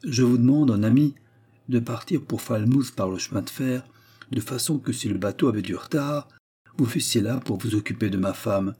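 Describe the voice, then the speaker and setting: A man voicing a feverish, restless young gentleman who talks in agitated, breathless bursts in an audiobook. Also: medium pitch, normal speed, breathy edge, lightly acted. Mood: feverish, rambling. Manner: agitated, breathless, rambling speech. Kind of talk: audiobook character reading.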